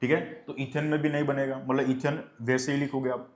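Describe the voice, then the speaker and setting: A male chemistry teacher lecturing a class, who asks questions and answers them himself and dictates definitions slowly. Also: mid-range voice, level tone, roomy sound.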